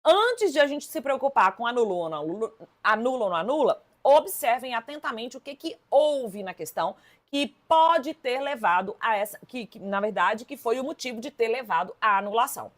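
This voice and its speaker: A lively Brazilian woman leads an exam-prep grammar lesson. Her voice sits a little high, and she stresses key words as she speaks to her students. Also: brisk. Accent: Brazilian Portuguese. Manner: lively, emphatic, addresses students directly. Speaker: Portuguese teacher.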